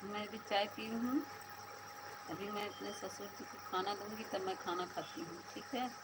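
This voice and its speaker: A woman in her thirties chats on a phone live stream and thanks her viewers one by one. Her voice sits at an ordinary middle pitch. A steady hiss runs under the whole recording. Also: moderate pace. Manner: chatty, thanks viewers by name, banters about food.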